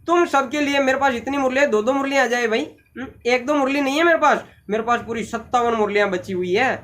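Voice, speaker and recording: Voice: high-pitched, fast, a bit bright. A teacher playing a cheerful flute seller. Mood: coaxing. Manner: patient, coaxing, repeats himself. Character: cheerful male flute seller soothing a crowd of kids.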